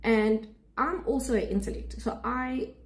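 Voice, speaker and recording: A young South African woman studying abroad vents to camera with a South African accent, sounding sarcastic and indignant as she speaks directly to her audience. Her voice is fairly high and her delivery a little slow.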